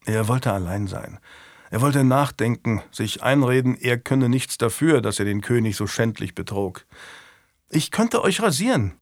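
Male narrator for a historical audiobook, even delivery, dry recording. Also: mid-range voice, normal speed, no room sound. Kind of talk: scripted narration.

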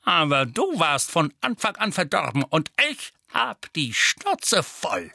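A man's voice: fairly high pitch, big pitch swings, slow, gravelly, sharp tone, no room sound, studio quality, voice pushed up, exaggerated voice. A man voicing a bullying, red-faced middle-aged uncle who bellows furiously in a storybook reading.

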